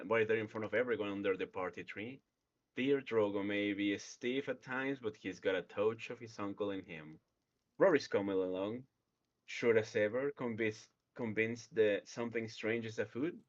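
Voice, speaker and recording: A man voicing a prim, level-headed young female hobbit who speaks in a proper, measured way. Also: on the low side, muffled recording, natural voice.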